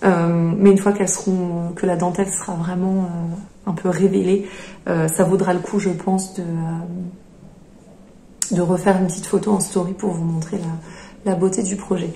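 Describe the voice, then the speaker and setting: Chatty woman with a gravelly, mellow voice. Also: fairly low pitch, level tone, unhurried, slight background noise. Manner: chatty, hesitant with many fillers. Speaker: knitting podcast host. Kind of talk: casual show-and-tell chat. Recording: echoey room.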